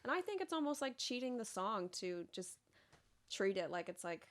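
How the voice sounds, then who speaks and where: A woman's voice: medium pitch, very animated, normal speed. A woman hosting a podcast, chatting casually and agreeing along with her guest. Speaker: podcast host.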